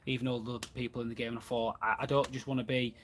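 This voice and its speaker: A man's voice: mid-range voice, flat delivery, fast, heavy background noise. A man, chatting casually about running his plumbing business in a live question and answer from his van. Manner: chatty and plain-spoken, reads out viewer comments. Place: inside a van.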